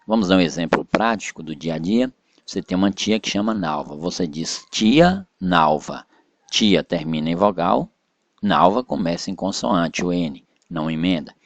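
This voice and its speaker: A man's voice: deep voice, expressive, normal speed, creaky, no echo, muffled recording. A Brazilian man teaching poetic meter in a video lesson, patiently explaining step by step and counting syllables aloud. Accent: Brazilian Portuguese. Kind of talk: slide-based video lesson.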